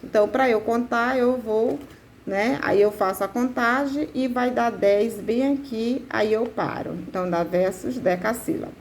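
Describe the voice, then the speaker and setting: A woman teaching a literature lesson, explaining slowly step by step and often checking that her students follow. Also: a little high, a little hiss or hum. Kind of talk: classroom lesson.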